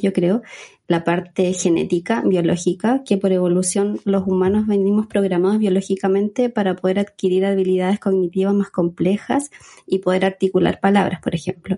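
A woman's voice: medium pitch, dark tone, slightly rough. A young adult woman, a speech therapist, explaining patiently as an interview guest. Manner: measured, explanatory.

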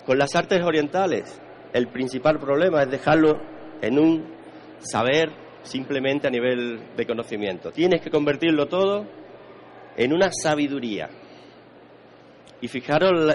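A man's voice: mid-range voice, a little hiss or hum. A man with a Spain Spanish accent who teaches Eastern arts, lecturing a live audience in a conversational way, repeating words and checking that people follow.

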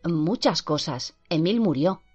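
Un chico asustado y dolido, en boca de una lectora de voz baja, habla con frases cortas y entrecortadas. La grabación es sorda, con una música suave por detrás. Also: female voice, sits low, lively intonation, slow, a little mellow, husky, voice pushed up, exaggerated voice. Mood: fearful. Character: frightened abused young boy recounting. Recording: dull lo-fi with faint music.

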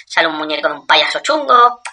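A man, bantering in a casual, joking way. His voice sounds very bright and sharp. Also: a little high, sing-song, fairly quick.

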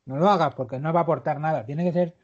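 A man, co-hosting a casual chat and telling anecdotes in a jokey, storytelling way, slowing down for effect. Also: a little high. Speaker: podcast co-host. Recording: dull lo-fi recording.

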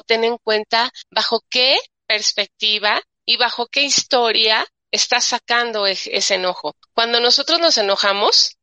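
A woman hosting a spiritual talk show, reading out viewer comments and giving gentle, repetitive advice. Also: on the high side, no echo. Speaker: host.

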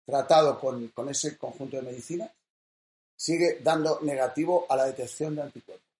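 A man's voice: medium pitch, moderate pace, darkish tone. Man chatting through news items, echoey room. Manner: reads news items in a conversational way. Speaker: co-host. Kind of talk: casual news chat. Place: small room at home.

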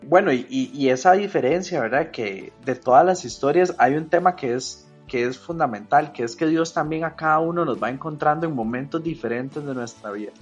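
Man, enthusiastic co-host, dull recording, soft music. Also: on the high side, a little fast, few pauses, husky. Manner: enthusiastic, repetitive emphasis. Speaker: podcast co-host.

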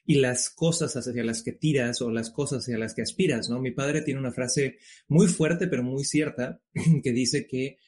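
A man's voice: medium pitch, moderate pace. Mexican man, 30s, guest; easygoing, blunt, casual swearing. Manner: relaxed, frank, swears casually. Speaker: guest entrepreneur. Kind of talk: casual interview.

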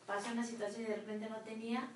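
A woman's voice: a little high, little pitch movement, fast talker, slight background noise. Inquisitive woman in an echoey room. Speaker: group member. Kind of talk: casual group discussion. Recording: echoey room, far from the mic.

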